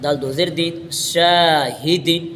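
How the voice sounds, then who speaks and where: A man teaching Quran reading in an Urdu accent, spelling out each letter with its vowel mark and then joining the syllables into a drawn-out word. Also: on the high side, steady tone. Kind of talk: slow spelling-out recitation lesson. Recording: hall reverb with faint noise.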